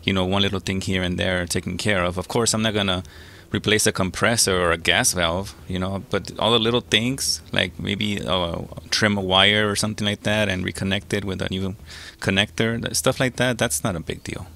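Low-voiced HVAC tech talking while working. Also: male voice, normal speed, vocal fry. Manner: relaxed, explains step by step with fillers. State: a little out of breath from wearing a mask. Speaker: HVAC technician. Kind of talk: casual how-to narration while working. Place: house basement and yard, on a service call.

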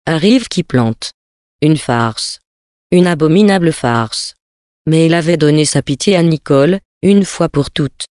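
A man reading a French novel aloud as an audiobook narrator, in a measured literary manner, giving the characters small shifts of voice. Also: on the high side, lively intonation, darkish tone, no room sound, studio quality.

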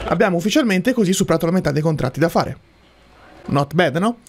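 A man's voice: a little high, lively intonation, fast talker. A man giving casual, playful video game commentary as a streamer. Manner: playful, talks to game characters and viewers. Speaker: gaming streamer. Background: game music.

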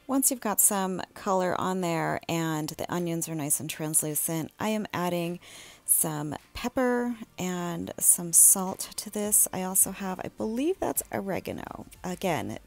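A woman in her thirties giving a casual, chatty cooking voice-over, relaxed and easygoing. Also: fairly low pitch, a little slow, creaky, faint music behind. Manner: relaxed, chatty, with fillers and small laughs. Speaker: home cook vlogger.

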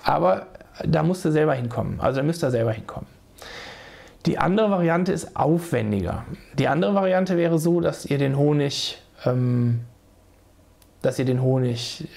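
Talking into a desk webcam from a small home room, a forties-aged man with a cold gives a casual beekeeping how-to. His hoarse voice sits fairly high, with vocal fry and a darkish tone. He's chatty, speaks straight to viewers and keeps restarting sentences.

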